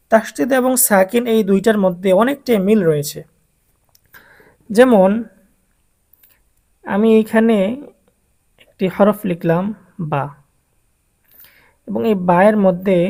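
A woman teaching Quran letter pronunciation in a step-by-step lesson with a Bangladeshi Bengali accent, slowly drilling sounds for learners to repeat. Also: mid-range voice, darkish tone.

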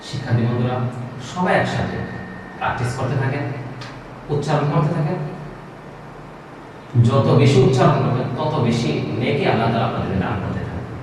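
A man's voice: mid-range voice, expressive, brisk, long pauses, background noise. A man from Bangladesh with a Bangladeshi Bengali accent, teaching Quran letters in a patient, repetitive way and drawing out each sound. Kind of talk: recorded recitation lesson. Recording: echoey hall, voice from a distance.

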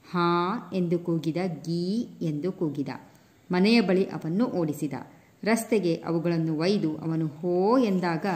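A woman narrating a children's storybook aloud, reading steadily with short pauses between phrases. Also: on the low side, mellow.

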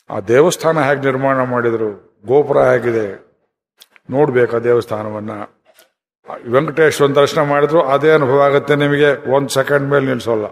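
A man's voice: medium pitch, vocal fry. A man giving a devotional storytelling discourse, chanting verses and asking his listeners questions, in a reverberant hall. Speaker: religious discourse speaker.

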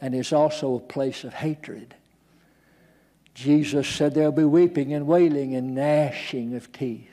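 A man's voice: medium pitch, steady tone, measured pace, dark tone. An older male pastor preaching a sermon in a church, dramatic and acting out the voices he quotes.

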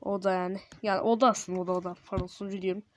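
A young gameplay video host with a sore throat talks in a high-pitched, racing voice, giving casual, excitable commentary as he plays. When startled, he yelps and exclaims.

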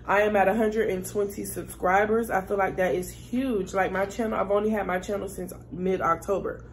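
This vlogger, mid-range and fairly even in intonation, keeps a moderate pace while eating on camera and chatting in a laid-back way with her viewers. Slight background noise is present.

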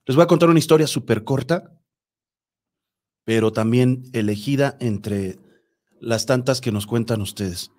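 A man's voice: mid-range voice, unhurried, pauses often, darkish tone. A man, hosting a show and telling a paranormal story in a loose, conversational way that speaks directly to listeners. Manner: conversational, with filler words and restarts, addresses listeners directly. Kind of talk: spoken storytelling.

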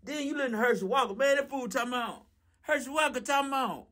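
Man doing a high-voiced, rambling loudmouth. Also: fast. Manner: rambling, profane, full of slang and filler. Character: dim-witted, loudmouthed Southern man. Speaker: comedy radio character. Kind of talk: comic monologue.

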